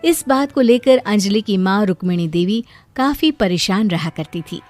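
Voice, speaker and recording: A woman's voice: medium pitch, moderate pace, faint music behind. A woman narrating a family cartoon story and speaking the daughter's lines. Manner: plain storytelling, lively character lines.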